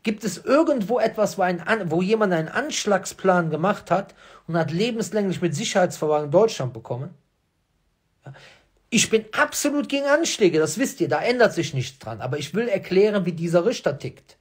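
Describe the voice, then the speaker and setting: High, husky-voiced man arguing insistently. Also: big pitch swings, a little fast. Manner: insistent, rhetorical questions, repeats key phrases. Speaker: host. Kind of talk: emphatic monologue addressing viewers.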